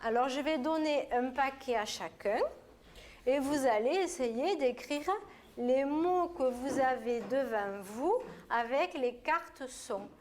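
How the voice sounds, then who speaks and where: A woman teaching kindergarten children, explaining tasks slowly and asking gentle questions. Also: sits high, a little hiss or hum. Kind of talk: classroom instruction with young children. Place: kindergarten classroom.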